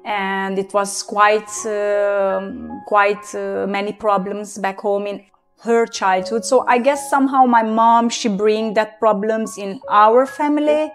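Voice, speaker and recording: A young woman from Transylvania with a Hungarian-Romanian accent, giving a personal testimony in English with many pauses and fillers. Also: medium pitch, steady tone, soft background music. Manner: halting, many fillers and restarts. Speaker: guest.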